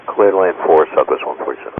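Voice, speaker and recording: A man's voice: extremely low pitch, expressive, very fast, gravelly. A man speaking as an airline pilot over a cockpit headset radio, making clipped, procedural calls. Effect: aircraft radio transmission. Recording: tinny narrowband cockpit radio, faint static.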